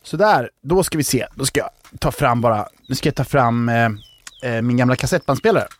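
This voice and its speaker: A man's voice: medium pitch, animated, no echo. A man hosts a children's bedtime show. He rambles playfully, tells jokes and corrects himself. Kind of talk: playful storytelling and joke-telling.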